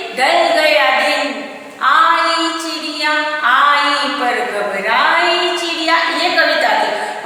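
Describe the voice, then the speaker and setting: Slow, high-pitched woman teacher, echoey. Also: bright, forceful tone. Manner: patient, repeats and checks understanding. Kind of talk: primary-school Hindi lesson. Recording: echoey hall from far off.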